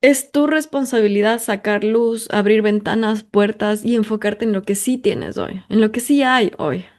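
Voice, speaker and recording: A woman's voice: medium pitch, moderate pace, a little mellow. A woman from Ecuador, hosting a personal monologue in an emphatic, talkative way full of intensifiers and fillers. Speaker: podcast host.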